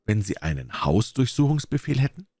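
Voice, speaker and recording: A man's voice: lowish voice, sing-song, brisk, darkish tone, no echo, clean studio sound. A man voicing a passionate young Spanish woman in an audiobook, speaking heatedly and with emphasis. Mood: earnest. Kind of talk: audiobook character voice.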